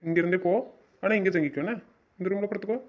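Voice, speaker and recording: A man's voice: high-pitched, rapid-fire. A man in a romantic audio drama, scolding and teasing his partner in a bossy way. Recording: dull lo-fi recording.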